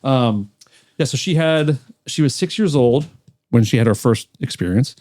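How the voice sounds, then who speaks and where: A man's voice: mid-range voice, moderate pace, no echo. A man hosting a podcast interview, talking casually with many fillers. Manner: relaxed, hesitant, lots of fillers. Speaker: podcast host.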